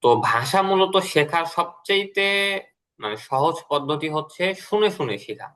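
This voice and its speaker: Bright-voiced patient male English teacher. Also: a little high, lively intonation. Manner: patient, repeats key words slowly. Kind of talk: explaining a lesson to a student.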